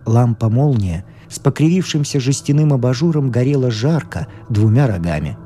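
A man narrates a literary story in the first person, measured and expressive. His voice is dark and mellow, sitting at a middle pitch, with no edge to it. Soft music runs faintly underneath the reading.

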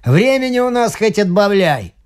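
A reader voicing a gruff mocking prisoner man. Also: medium pitch, sing-song, normal speed, a little mellow, natural voice. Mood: pushy. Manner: coarse, mocking, prodding. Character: gruff rough male prisoner. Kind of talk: audiobook reading.

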